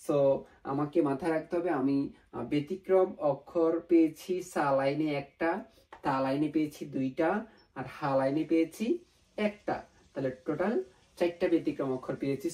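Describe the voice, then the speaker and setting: A man's voice: on the high side, a little mellow, far from the mic, rough recording. A man teaching a language class, going through syllables one at a time and repeating warnings to be careful. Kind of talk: lesson.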